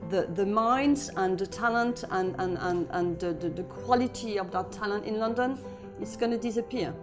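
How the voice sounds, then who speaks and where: A woman's voice: mid-range voice, normal speed, over loud music. A woman, a talent officer, speaking earnestly in a promo film interview and stumbling over repeated words.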